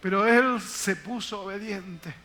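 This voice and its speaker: A man's voice: high-pitched, a little slow, sharp tone, faint music behind. An older man, a pastor, preaching a sermon to his congregation in an emphatic, repetitive way. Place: church service.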